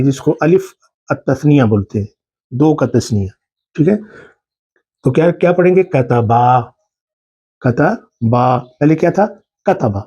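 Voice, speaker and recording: A man's voice: fairly high pitch, warm tone, husky. A man teaching a grammar lesson who keeps asking questions and answering them himself, with English terms mixed into his explanations. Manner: patient, asks and answers his own questions.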